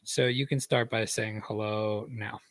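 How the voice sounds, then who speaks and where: A man's voice: on the low side, steady tone, measured pace, dry recording, studio quality. A man co-hosting a podcast in casual chat, laid-back, with many fillers. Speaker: podcast co-host. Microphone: headphones and podcast mic.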